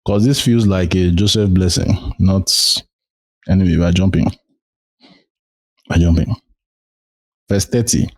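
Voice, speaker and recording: A man's voice: on the low side, mellow, dry recording. A Nigerian-accented man hosting a podcast, reading Bible verses aloud and swearing at them in between. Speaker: podcast host. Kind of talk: Bible reading with ranting commentary.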